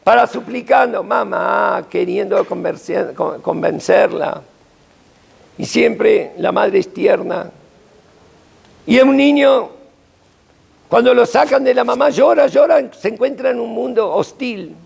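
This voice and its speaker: Gravelly, slow-speaking older rabbi. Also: male voice, darkish tone. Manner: dramatic, emphatic storytelling with sudden pitch swings. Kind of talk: sermon.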